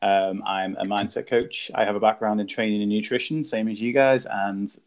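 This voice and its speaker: A man's voice: fairly low pitch, normal speed. A man, a mindset coach chatting casually as a guest on a live stream and telling joking stories. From Liverpool, England. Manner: relaxed, joking, rambling anecdotes.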